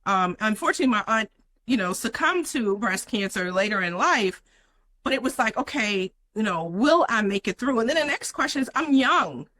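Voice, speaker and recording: Bright, earnest woman telling her story. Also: a little high, expressive, normal speed, rough recording. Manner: earnest, many "you know" fillers. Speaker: guest. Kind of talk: personal story in an interview.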